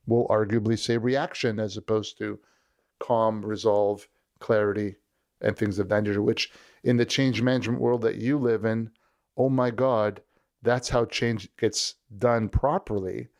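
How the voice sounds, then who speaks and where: A man as an interview guest, talking in a lively storytelling way and acting out the voices he quotes. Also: lowish voice, measured pace. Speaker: leadership strategist guest. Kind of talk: conversational interview.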